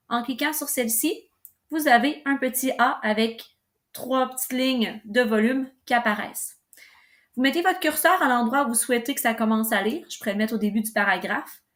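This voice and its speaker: A woman walks through an informal software tutorial. Her voice sits a bit on the high side as she explains each step. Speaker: tutorial presenter.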